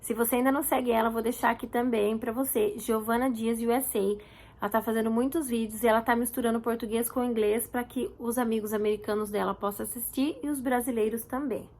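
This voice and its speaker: A woman's voice: on the high side, fairly even intonation, quick pace, darkish tone. A Brazilian woman in her thirties chatting casually to camera as a vlogger, repeating words for emphasis.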